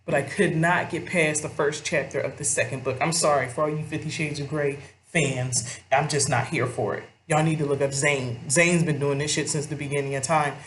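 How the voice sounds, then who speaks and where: A woman's voice: sits low, slight background noise. Profane young woman vlogging in a roomy space. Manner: profane, rambling, talks straight to viewers. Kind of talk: casual commentary. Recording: roomy echo.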